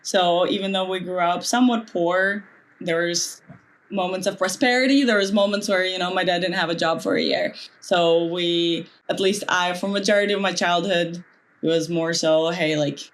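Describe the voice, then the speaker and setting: Woman, animated guest. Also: on the low side, moderate pace. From Ukraine. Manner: animated, frequent fillers. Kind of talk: casual interview talk.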